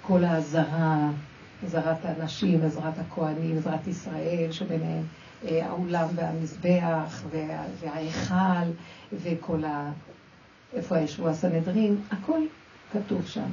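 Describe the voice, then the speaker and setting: A woman's voice: low-pitched, flat delivery, mellow, a little hiss or hum. A woman teaching a spoken religious lesson, telling personal stories and acting out quoted dialogue as she talks straight to her listeners. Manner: storytelling, acts out quoted dialogue, addresses listeners directly. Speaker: religious women's class teacher. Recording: dull, roomy recording from a distance.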